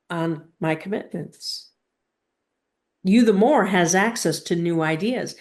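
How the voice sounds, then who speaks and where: In a spiritual teaching session, the woman speaking has a voice on the low side with a darkish tone; she moves in deliberate, halting phrases, stopping for emphasis and asking guiding questions.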